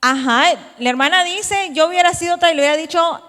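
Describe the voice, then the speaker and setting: A woman's voice: very high-pitched, quick pace, a bit bright. A woman leading a church Bible study in a conversational way, asking the congregation questions. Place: church hall. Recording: reverberant church hall.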